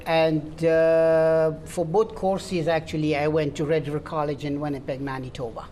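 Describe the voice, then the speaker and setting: A man's voice: a little high, little pitch movement, normal speed, mellow, a little hiss or hum. A man from Congo whose first language is French, a driving school owner answering interview questions in a friendly, hesitant way. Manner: friendly, hesitant with many fillers.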